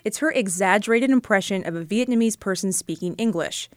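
A woman's voice: medium pitch, no echo. Woman narrating a radio feature. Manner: measured, clear, storytelling. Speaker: radio reporter. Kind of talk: scripted narration.

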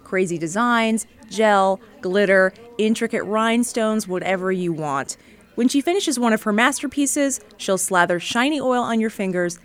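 A woman reporter giving measured, scripted narration for a radio feature story. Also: mid-range voice.

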